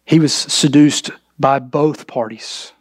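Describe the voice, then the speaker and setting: Emphatic preacher man, higher voice. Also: steady tone, slow pace, no room sound, studio quality. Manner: emphatic, asks the congregation rhetorical questions; speaks directly to the men in the congregation. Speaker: pastor. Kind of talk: sermon.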